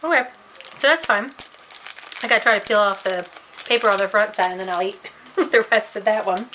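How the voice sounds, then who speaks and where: A woman's voice: medium pitch, a little fast, bright, forceful tone, a little hiss or hum, rough recording. A woman vlogger chatting casually while tasting candy on camera, giggly and self-deprecating.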